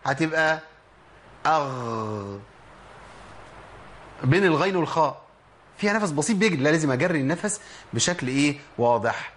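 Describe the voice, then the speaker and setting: A man's voice: a little high, a bit bright. A man with an Egyptian accent teaching tajweed, asking himself questions and then answering them, and demonstrating letter sounds. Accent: Egyptian Arabic. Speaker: Quran recitation teacher. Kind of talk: tajweed lesson.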